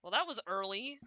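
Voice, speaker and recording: A woman's voice: on the low side, bright, forceful tone, smooth. A woman streaming a horror game, chatting casually and reacting aloud as she plays, self-deprecating and talkative. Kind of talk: casual gameplay commentary.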